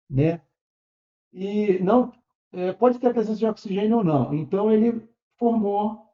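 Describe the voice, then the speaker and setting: A man teaching a lesson in a high, mellow voice. He explains step by step, keeps checking in with his students and fixes his own slips as he goes. The recording sounds dull and lo-fi. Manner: patient, checks in often with tag questions, corrects himself aloud. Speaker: chemistry teacher.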